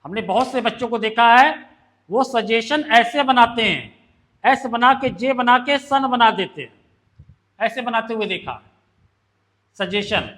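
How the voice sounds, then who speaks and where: High-voiced shorthand teacher. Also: male voice, a little slow, fairly bright tone. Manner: explains step by step, asks students questions. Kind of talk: classroom lesson.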